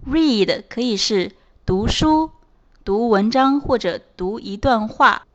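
A woman's voice: a little high, animated, slow pace, lo-fi sound. A woman teaching a beginners' language lesson, spelling out words and patiently repeating example phrases. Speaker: English teacher. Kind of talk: slow scripted language lesson.

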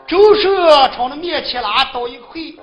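A woman's voice: sits high, lively intonation, a little slow, reverberant, lo-fi sound, loud music behind the voice. A woman storyteller narrating in a dramatic, half-sung Shaanbei storytelling style.

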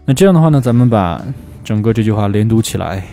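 A man teaching English pronunciation, who slows down to drill phrases again and again. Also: on the low side, animated, warm tone, faint music behind. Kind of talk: spoken language lesson.

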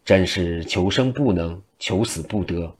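A man telling a traditional story in a brisk, rhythmic narrating manner. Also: low voice, husky.

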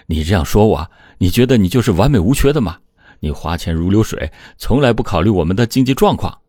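A man's voice: fairly low pitch, lively intonation, fairly quick, dark tone, slightly rough, dry recording, studio quality. A man voicing a hurt, desperate young husband in a dramatized true-crime retelling, pleading and lashing out. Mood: angry. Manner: pleading, then heated outbursts.

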